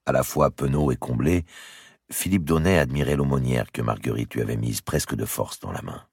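Narrateur à la voix très grave et rocailleuse. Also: male voice, extremely low pitch, a little fast, gravelly, slightly rough, no room sound, studio quality. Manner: expressive storytelling. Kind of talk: audiobook reading.

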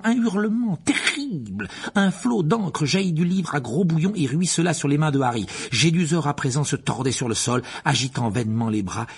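Male audiobook narrator, gravelly and very husky, expressive storytelling, mid-range voice. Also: fairly low pitch. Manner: expressive storytelling, rising with the action. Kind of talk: reading a fantasy novel aloud.

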